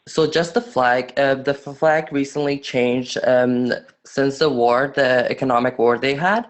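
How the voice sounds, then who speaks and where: A nineteen-year-old man from Afghanistan giving a student webinar presentation, halting with frequent fillers and restarts. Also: medium pitch, steady tone.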